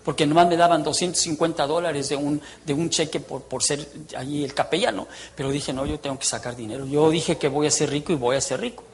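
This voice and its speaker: A man, giving a testimony as a preacher, telling his story in an animated way, with loud bursts and hushed asides. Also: on the high side, brisk, hardly any pauses. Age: 60s. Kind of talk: testimony sermon.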